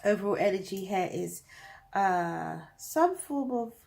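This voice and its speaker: Speaking at an unhurried pace, this British tarot reader has a medium-pitched, gravelly, darkish voice and an animated delivery. She talks to camera in a chatty, thinking-aloud way while a cold blocks her nose.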